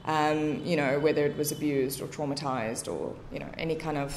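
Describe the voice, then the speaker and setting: A woman's voice: deep voice, steady tone, a little fast, darkish tone, slight background noise. South African woman, chatty podcast guest. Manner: chatty, many fillers. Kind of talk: casual podcast interview.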